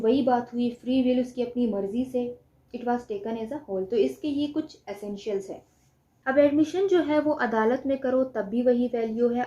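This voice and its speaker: A slightly high, warm female voice with a Pakistani accent comes through a muffled recording. She explains legal concepts in a lecture that mixes Hindi-Urdu with English legal terms, teaching by posing questions and answering them herself.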